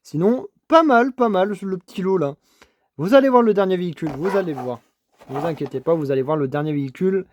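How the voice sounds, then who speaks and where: Talking fast in a high-pitched, darkish voice, this man presents his latest toy car finds from his home desk, gushing with the same enthusiastic praise again and again as he stammers and starts over. It's a casual unboxing vlog, and a little hiss or hum runs under the audio.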